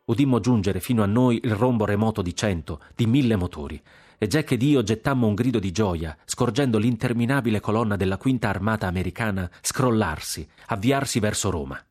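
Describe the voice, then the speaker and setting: A man with an Italian accent reading a literary novel aloud in a measured, deliberate way. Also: on the low side, darkish tone. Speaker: audiobook narrator.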